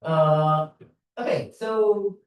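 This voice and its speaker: In a large conference room that echoes, a man from Brazil is heard from far off, his voice fairly high and very slow. He has a Brazilian Portuguese accent and gives a casual, self-deprecating talk as a security consultant. He leans often on "like" and "you know."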